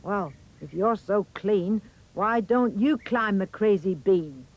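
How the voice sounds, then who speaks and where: A woman voicing an excitable, boastful young boy in a comic verse story, eager and exclamatory. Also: mid-range voice, slow, muffled recording. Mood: cheeky.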